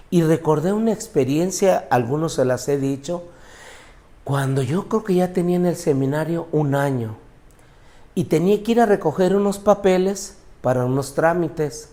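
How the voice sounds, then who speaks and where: Expressive storytelling priest, dark voice. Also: male voice. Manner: storytelling, dramatic swings in pitch and loudness. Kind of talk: homily reflection with personal story.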